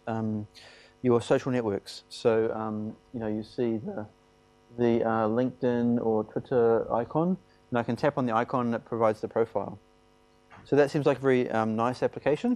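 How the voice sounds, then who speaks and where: A man giving a university lecture, speaking hesitantly with frequent pauses and restarts. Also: medium pitch, dark tone, dry recording. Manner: hesitant, lots of ums and restarts.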